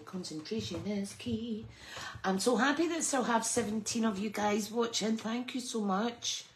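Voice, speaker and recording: A woman with whistling s sounds, chatting informally as she hosts a craft tutorial, drifting into small asides. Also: on the high side. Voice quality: whistling sibilant s sounds when speaking. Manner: informal, rambling, self-interrupting with small asides and sing-song filler. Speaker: host of a live papercraft class. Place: at a craft table indoors. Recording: clearly noisy with clicks.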